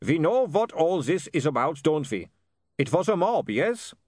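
A man voicing an excitable, fretful man who chatters on. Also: on the high side, a little slow, no echo, voice pushed up. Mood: flustered.

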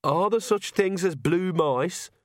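A man doing a frightened young woman witch who speaks nervously and hesitantly. The voice is pitched well above a plain male voice and is recorded dry and close, with no room sound. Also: slow, no echo.

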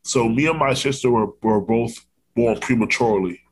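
This podcast host, born in Brooklyn, New York, and raised in Orlando, conducts a conversational interview in an earnest, affirming way, using frequent fillers. His voice is medium in pitch at a normal speed, and the recording is rough.

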